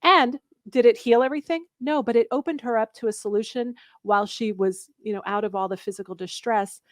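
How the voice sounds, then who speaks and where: This is a woman in her forties, a guest on a talk radio show, and her voice sits a little high. She tells her story in a lively way and acts out each person's lines. The studio mic is close and dry. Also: brisk, dry recording. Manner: animated storyteller acting out quoted dialogue. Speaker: radio guest, author and coach.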